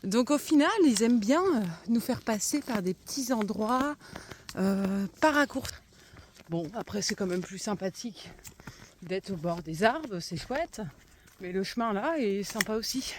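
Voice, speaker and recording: A woman's voice: mid-range voice, lively intonation, unhurried. A woman with a slight lisp musing aloud in a casual vlog, talking to herself and viewers as she walks outdoors. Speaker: hiker vlogging her walk. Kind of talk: casual spoken vlog while walking. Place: outdoors on a country trail. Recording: clear background noise, outdoor walk.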